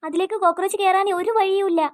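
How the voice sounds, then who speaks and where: A woman voicing a worried, caring cartoon mother who talks in a fast, anxious way. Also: extremely high pitch, steady tone, no room sound, studio quality.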